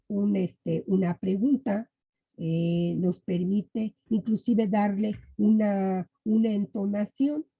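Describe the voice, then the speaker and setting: Mexican woman teacher, dark husky voice, slow halting delivery full of restarts, dull lo-fi recording. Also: medium pitch, no echo. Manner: halting, many fillers and restarts. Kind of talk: online class lesson. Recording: dull lo-fi sound.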